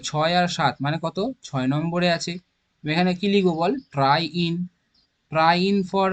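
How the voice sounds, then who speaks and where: A man with a Bengali accent explaining organic chemistry naming, thinking aloud and counting carbon atoms step by step. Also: sits high. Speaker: chemistry teacher. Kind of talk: informal classroom lesson.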